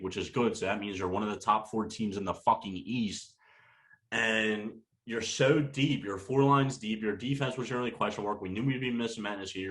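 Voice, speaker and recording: A man's voice: on the low side, a bit bright, rough recording. A young man co-hosting a sports podcast, ranting heatedly and cursing a lot as he runs down his team. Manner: heated, profane, rapid-fire ranting. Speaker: podcast co-host.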